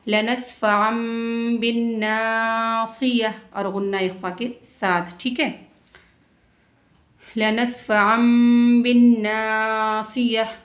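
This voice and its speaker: Woman Quran teacher, patient and explanatory, slow drawn recitation between explanations, roomy echo, a bit muffled. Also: on the high side.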